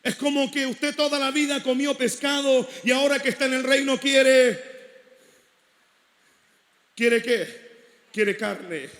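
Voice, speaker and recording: Chilean pastor preaching loud in a big hall, really high voice, long echo. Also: male voice, steady tone, slow, pauses often. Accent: Chilean Spanish. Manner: shouting, preaching with sudden swings from loud to hushed. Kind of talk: sermon. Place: large church hall at a congress.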